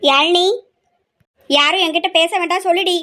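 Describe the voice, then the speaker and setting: A woman's voice: extremely high pitch, steady tone, moderate pace, pushed and bright. A woman voicing a furious young woman who refuses an arranged marriage, snapping and threatening. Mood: angry. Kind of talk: amateur family drama.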